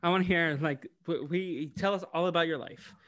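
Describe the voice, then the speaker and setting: This podcast co-host, an American man, talks fairly quickly in a voice on the high side. He's animated as he casually recaps an episode, voicing the characters' lines himself.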